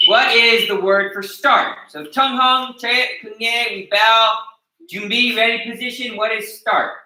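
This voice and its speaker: An American man instructs a martial arts class in taekwondo, checking in with "okay?" after each point he explains. His voice is very high-pitched yet fairly even in intonation, measured in pace, with a bright, forceful tone. The echoey room is recorded from some distance.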